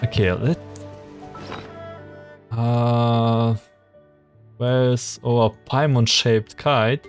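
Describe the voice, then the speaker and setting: A game streamer giving casual playthrough commentary and reading text aloud, a little haltingly. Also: medium pitch, fairly even intonation, smooth, faint music behind.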